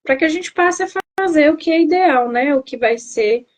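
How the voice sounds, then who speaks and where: A woman's voice: high voice, animated, normal speed. A woman nutritionist with a Brazilian Portuguese accent, explaining health advice in a casual live interview, with many tag questions and restarts. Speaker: nutritionist guest. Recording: video call.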